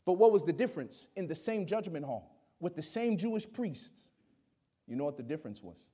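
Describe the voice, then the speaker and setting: High-voiced dynamic male preacher. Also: big pitch swings, moderate pace. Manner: dynamic, swings from loud exclamations to quiet asides; acts out quoted voices. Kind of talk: sermon.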